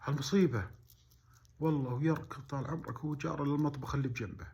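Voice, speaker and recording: Man, Bedouin Gulf accent, fairly high pitch, animated oral storytelling, repeated phrases, colloquial asides. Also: fast. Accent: Gulf Arabic, Bedouin.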